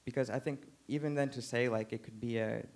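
A man poses a careful academic question in a lecture hall, circling toward his point with hedges. His voice has a gravelly, creaky edge. He speaks in a flat, level tone with little rise or fall. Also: medium pitch. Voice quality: measured, hedging phrasing. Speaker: discussant asking a question.

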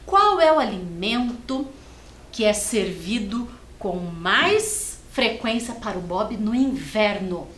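A woman teacher leading a televised first-grade lesson, reading slowly and sounding out words syllable by syllable in a sing-song way. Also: medium pitch, lively intonation, fairly bright tone, slight background noise. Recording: echoey studio with faint ambience.

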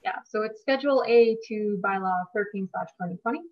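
A woman city planner giving measured technical explanations on a video call. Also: mid-range voice, highs cut off.

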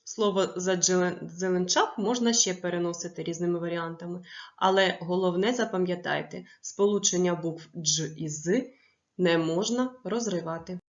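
A woman teaching a primary school lesson, stressing each word slowly and clearly for young pupils. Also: lowish voice, muffled recording. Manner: slow, clearly stressed dictation of words.

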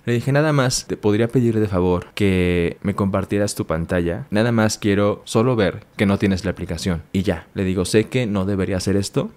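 A young man telling a personal story on his podcast, calm and firm, acting out both sides of a conversation. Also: low-pitched. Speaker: podcast host.

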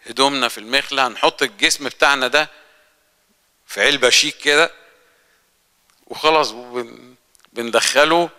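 Bright, crisp-voiced Egyptian man preaching. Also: medium pitch. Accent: Egyptian Arabic. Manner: earnest, conversational preaching with rhetorical questions. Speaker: lay preacher. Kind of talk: sermon. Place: church hall. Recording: church hall reverb.

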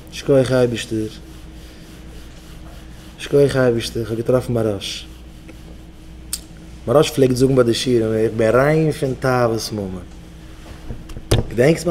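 Mellow-voiced rabbi exhorting his students. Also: medium pitch, slight background noise. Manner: exhorting, leads the crowd in call-and-response chants. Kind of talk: Yiddish sermon to yeshiva students.

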